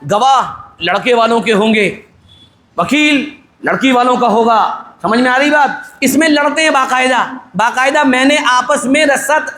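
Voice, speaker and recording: A man's voice: very high-pitched, pushed and bright, echoey room. A middle-aged male cleric giving a conversational wedding sermon, full of humor, rhetorical questions and acted-out dialogues. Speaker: Islamic cleric officiating a wedding.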